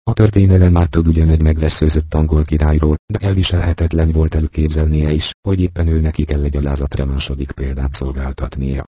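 Man with a very deep, husky voice. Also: flat delivery, few pauses, dark tone, no room sound. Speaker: audiobook narrator. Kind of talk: scripted narration.

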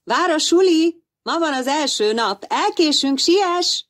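A woman voicing an eager, excitable young boy clownfish in a storybook reading. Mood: excited. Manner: high excited shouting, protesting.

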